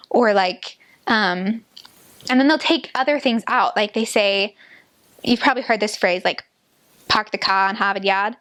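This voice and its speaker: A woman in her twenties chatting casually and telling humorous anecdotes in a giggly, animated way, with "like" sprinkled throughout. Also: a little high. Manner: giggly, animated storytelling with frequent "like". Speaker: former missionary telling stories.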